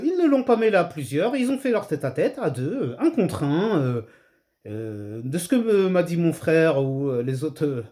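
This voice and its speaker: A middle-aged man of Comorian heritage casually telling a story to his channel's viewers, swinging between low asides and high excited exclamations. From Comorian heritage, France. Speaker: channel host.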